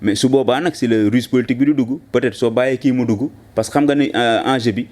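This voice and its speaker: A man, arguing political points quickly in a discussion, mixing in French. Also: medium pitch, darkish tone. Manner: fast, argumentative, mixes French into Wolof. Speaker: political commentator.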